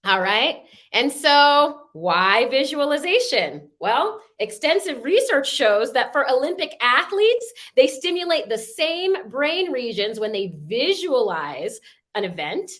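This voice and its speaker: A woman's voice: high voice, fairly bright tone. A woman leading a workshop over a video call, giving upbeat, encouraging step-by-step instructions. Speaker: workshop facilitator.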